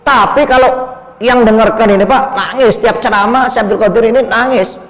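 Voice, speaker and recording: A man's voice: very high-pitched, normal speed, a bit bright. A man preaching in a storytelling way, often breaking off words and restarting them. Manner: repetitive, cuts off and restarts words, addresses listeners as "Pak". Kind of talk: sermon storytelling. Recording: echoey hall.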